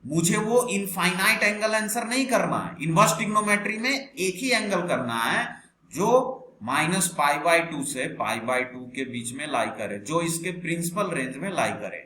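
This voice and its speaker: A man's voice: a little high, expressive, unhurried, sharp tone. A man teaching a maths class online in speech, patiently calling students "beta" and asking them questions as he explains. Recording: echoey room, faint background noise.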